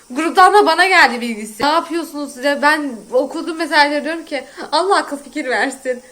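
A woman's voice: sits high, a bit bright. A young woman vlogger telling a story in casual chat, exasperated and often breaking into laughter as she rants. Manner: exasperated, laughing while ranting.

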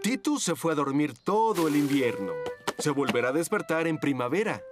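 A man calmly narrating a cartoon with a Latin American Spanish accent. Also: fairly high pitch, normal speed, over loud music. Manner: calm, plain telling.

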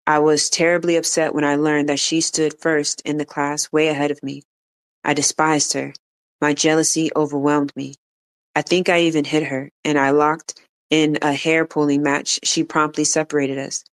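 An audiobook reader narrating an autobiography aloud in a measured, even manner. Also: medium pitch, clear, resonant tone.

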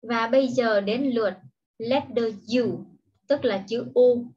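A woman gives a children's English lesson at a very unhurried pace, her voice a little husky and fairly high. She explains every word first and then says the English word carefully, often twice. The recording is dull and lo-fi. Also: a little mellow. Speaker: primary school English teacher. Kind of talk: slow, patient online lesson for young children.

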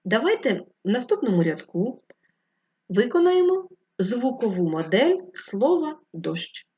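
A woman teacher speaks to young children in a distance lesson, her pitch rising and falling in a lively, singing way. She spells out every instruction slowly and clearly. The recording sounds dull and a little lo-fi. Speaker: primary school teacher. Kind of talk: distance-learning lesson for first graders.

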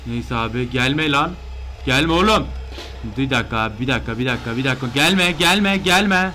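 Excitable man yelling over a game. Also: medium pitch, fast, faint music behind. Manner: excitable, yells and chants in panic when chased. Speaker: gameplay streamer. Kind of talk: live horror game commentary.

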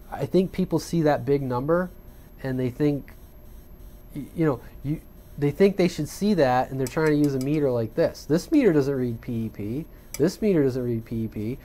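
A man with a slightly high, darkish voice talks through a hobby radio tutorial off the cuff at his home workbench. He keeps it plain-spoken and colloquial, frequently checking that the listener is following.

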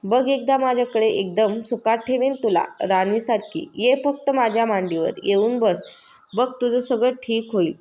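A woman's voice: a little high, moderate pace, dark tone, lightly acted. A woman voicing a scheming, lecherous male village moneylender in a spoken story, menacing and coaxing. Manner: menacing, coaxing then threatening.

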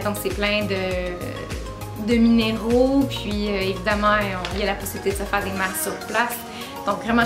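A woman in her twenties with a Québécois French accent, talking casually to camera about her travels, with lots of filler sounds. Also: medium pitch. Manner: chatty, many filler "euh"s, laughs at herself. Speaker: travel vlogger. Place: small room indoors with string lights and bookshelf. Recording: roomy echo, music behind.

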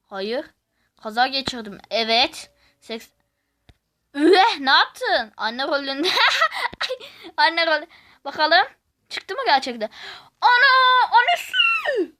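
A woman gives casual gaming commentary as a host, reading questions aloud and reacting in an expressive, exclamatory way. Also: sits high.

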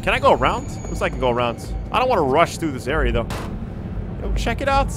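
A man with a fairly high, lively voice streams a video game. He thinks aloud in an easygoing, slangy way, with game music playing behind him. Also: fast talker. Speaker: gaming streamer. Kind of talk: casual live gameplay commentary. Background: game music and city sounds.

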